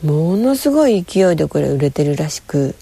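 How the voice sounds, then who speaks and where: Woman, low gravelly voice, warm mellow tone, animated swooping delivery, chatty storyteller, dry close sound. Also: normal speed, dry recording. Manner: lively, rambling, with frequent fillers. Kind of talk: casual monologue to camera.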